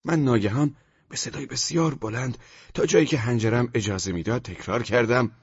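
Male audiobook narrator, husky tone, close dry sound. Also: mid-range voice, no echo, lo-fi sound. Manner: measured storytelling, with the dialogue lines acted out loudly. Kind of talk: scripted literary narration.

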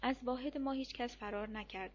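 A woman's voice: fairly high pitch, dull audio. Woman reading a story aloud. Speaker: audiobook narrator. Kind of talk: reading a war novel aloud.

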